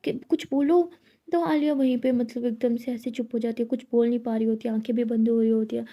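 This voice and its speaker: A woman narrating a story in a chatty way, with breathy asides. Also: a little high, level tone, fast, dark tone.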